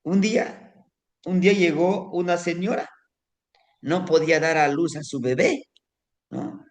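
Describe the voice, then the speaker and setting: A man's voice: a little high, unhurried. A man telling a folk tale orally, rambling, with tag questions and lots of diminutives. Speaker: storyteller. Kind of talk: oral folk storytelling.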